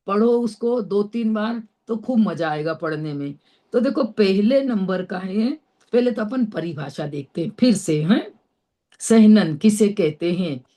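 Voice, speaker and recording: A woman from Madhya Pradesh teaching a scripture class, spelling out hard terms slowly and checking in with her listeners. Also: mid-range voice, warm tone. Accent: Indore, Madhya Pradesh Hindi. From Madhya Pradesh, India. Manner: slow, spells out terms syllable by syllable, frequent "है ना?" checks. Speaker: religious teacher. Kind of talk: slow scripture class lecture.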